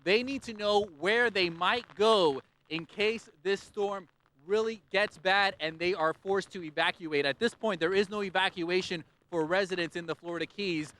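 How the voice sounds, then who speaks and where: Male live TV reporter, urgent and projected, high-pitched with a forceful edge. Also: moderate pace. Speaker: field reporter. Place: outdoors on a windy beach.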